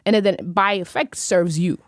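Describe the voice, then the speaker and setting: At a moderate pace and mid-range pitch, a young poet whose native language is Arabic converses casually as a podcast guest, her words vivid and reflective. She's in a small studio using a stand-mounted mic and headphones, with no echo.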